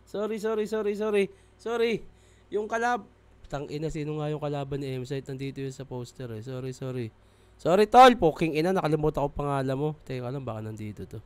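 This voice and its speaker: Excitable swearing reaction host. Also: male voice, fairly high pitch, fairly quick, smooth. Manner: excitable, swears often, apologetic. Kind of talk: casual reaction commentary.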